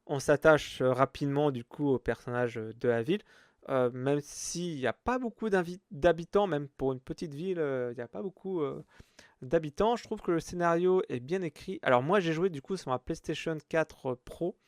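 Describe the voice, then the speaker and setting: A man's voice: on the high side, normal speed, no echo, clean studio sound. A man hosting a casual solo podcast, rambling with lots of hesitations. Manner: rambling, many hesitations and fillers. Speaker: podcast host.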